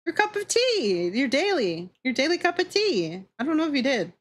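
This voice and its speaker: A VTuber with a high, sing-song voice chats with her viewers at a moderate pace while drawing on stream. She's playful, teasing, and giggly, and she swears freely.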